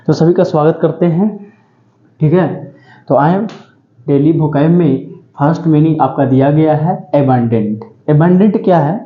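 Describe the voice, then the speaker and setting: An English vocabulary tutor with a fairly high-pitched voice delivers an exam-prep lecture in a repetitive, drilling style. Each word gets "ठीक है" and self-questions, and the recording is roomy, echoey and dull lo-fi.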